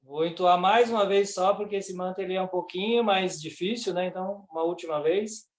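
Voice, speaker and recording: A man's voice: high voice, a little fast. A man with a Brazilian Portuguese accent teaching Sanskrit pronunciation, reciting word by word and chanting the verse. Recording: echoey room.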